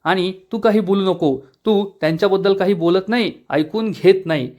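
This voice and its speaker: A man voicing an irritated young wife in a spoken serial recap, in his own high voice with a scolding delivery. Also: normal speed, darkish tone, lightly acted. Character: angry young wife, annoyed and stubborn.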